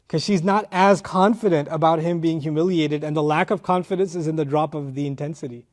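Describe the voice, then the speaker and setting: A man giving a tafsir lecture, explaining Arabic grammar with animated rises in emphasis, on a lapel mic. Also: fairly high pitch, moderate pace. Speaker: Quran teacher.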